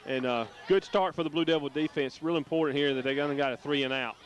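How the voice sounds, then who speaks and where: Man doing relaxed color commentary. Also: fairly high pitch, quick pace. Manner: chatty analysis with many fillers and restarts. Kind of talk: high school football radio commentary.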